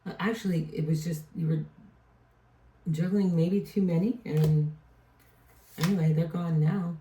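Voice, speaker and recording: A woman with a low, mellow voice gives a casual tarot reading. She rambles, trails off and restarts mid-thought. She sounds set back from the mic in a roomy, echoey space. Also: steady tone, unhurried, a little hiss or hum. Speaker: tarot reader. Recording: echoey room, distant mic.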